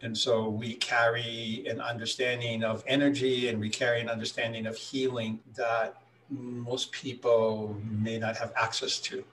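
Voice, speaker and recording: A man in his sixties from Hawaii tells his life story as an interview guest, reflective and unhurried. His voice is of middling pitch. He sits somewhat far from the mic, with faint noise underneath. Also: flat delivery, a bit bright. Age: 60s. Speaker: guest healer.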